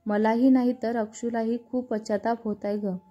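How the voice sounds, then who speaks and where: A woman's voice: a little high, level tone, normal speed, mellow, highs cut off, soft background music, natural voice. A woman voicing a remorseful young woman who pleads with her elder sister. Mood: pleading. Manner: pleading, hesitant.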